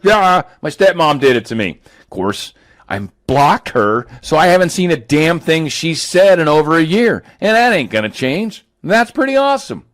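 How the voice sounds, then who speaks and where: A man hosting casual political commentary, reading headlines aloud and riffing on them sarcastically. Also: mid-range voice. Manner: sarcastic, reads quotes aloud and riffs on them.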